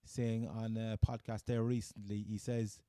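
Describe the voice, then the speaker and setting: Mellow, even-toned Cork Irishman. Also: lowish voice, dry recording, clean studio sound. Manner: halting, hesitant phrasing. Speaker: sports podcast co-host. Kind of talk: casual sports discussion.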